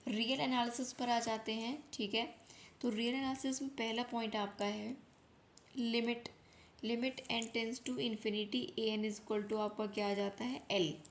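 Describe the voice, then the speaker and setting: A young woman teaching an exam revision lesson in mathematics, explaining step by step, repeating key points slowly and often checking that students have understood. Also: on the high side, steady tone, a little hiss or hum. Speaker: maths teacher.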